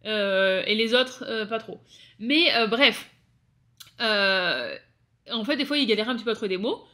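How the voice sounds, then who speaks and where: A young woman from France talks casually to her viewers from her apartment at night. Her voice sits a little high, and she drifts from point to point with many fillers and restarts. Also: animated, normal speed, pushed and bright. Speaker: vlogger. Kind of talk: casual chat to camera.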